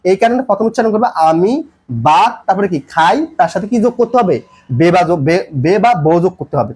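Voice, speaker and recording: In an English grammar lesson, a man with a high, slightly mellow voice goes back over his points and tests the viewer with questions along the way.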